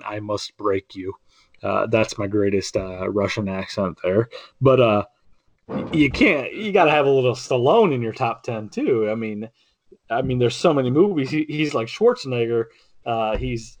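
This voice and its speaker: A man's voice: medium pitch, dry recording. A man co-hosting a casual podcast, rambling with many restarts and fillers. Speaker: podcast co-host. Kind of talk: casual chat.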